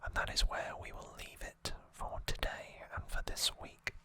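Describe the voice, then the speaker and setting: The host of an anime trivia channel speaks ASMR-style, in a gentle, halting, unvoiced whisper the whole way through.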